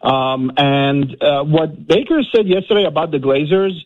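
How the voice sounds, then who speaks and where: A man's voice: fairly high pitch, moderate pace, no echo. A man calling in to a sports radio show over the phone, fired up and complaining. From Florida, USA. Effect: phone caller on a radio show. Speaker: caller. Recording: tinny phone line.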